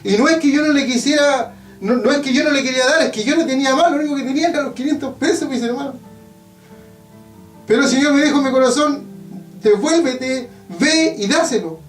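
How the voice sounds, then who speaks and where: A man from Chile with a Chilean Spanish accent, preaching an evangelical sermon and telling a testimony with emphatic, drawn-out phrases and repeated refrains. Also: extremely high pitch. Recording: echoey church hall from a distance with faint guitar. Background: faint guitar playing.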